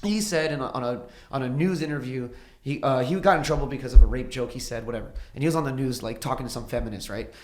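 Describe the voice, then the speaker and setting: Man, musician guest, casual podcast chat, swears a lot, animated storytelling, echoey room. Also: mid-range voice, fast.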